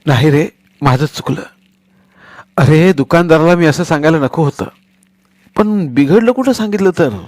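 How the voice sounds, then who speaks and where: A man's voice: on the high side, lively intonation, moderate pace, pauses often, a little mellow, dry recording, voice pushed up, natural voice. A man voicing a timid village boy in a storybook reading, meek and pleading. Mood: coaxing.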